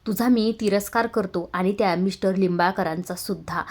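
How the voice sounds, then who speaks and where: A woman's voice: medium pitch, moderate pace, darkish tone, natural voice. A woman reading a bitter, hurt teenage boy. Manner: bitter, accusing.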